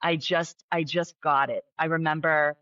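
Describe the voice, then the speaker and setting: A woman's voice: low voice, unhurried, dry recording. A woman, a special education teacher chatting as a podcast guest, with lots of fillers and restarts. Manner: chatty, many fillers and restarts, bursts of excitement. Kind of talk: casual interview conversation. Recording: dull, muffled sound.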